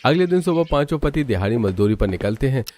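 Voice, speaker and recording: A man's voice: mid-range voice, big pitch swings, fast, darkish tone. A man reading scripted narration for a cartoon family story. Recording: clearly noisy background.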